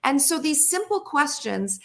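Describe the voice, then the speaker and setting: Woman guest expert, somewhat high voice, earnest storytelling, restarts her sentences. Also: very animated, unhurried, creaky. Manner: earnest storytelling, repeats words when restarting. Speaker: guest psychologist. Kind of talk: talk show interview.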